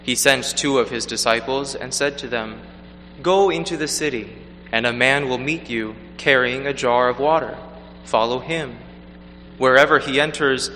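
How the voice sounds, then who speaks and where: A man reading the gospel and preaching a homily at Mass in a measured, earnest way, his voice ringing with cathedral echo in a large church. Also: mid-range voice, sharp tone. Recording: long church reverb, faint hum.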